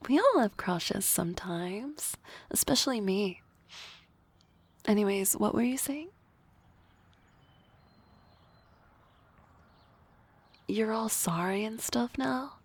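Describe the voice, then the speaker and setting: Here a woman performs an energetic harpy classmate for ASMR, keeping her voice gentle, frequently whispering and teasing. She uses a mid-range, husky tone and a measured pace.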